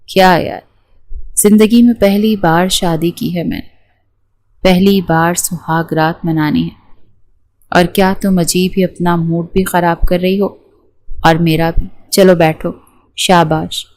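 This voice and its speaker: A woman's voice: fairly low pitch, steady tone, long pauses, a little mellow, lightly acted. A woman reading as a bossy mocking young groom. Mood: coaxing. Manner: scolding, teasing.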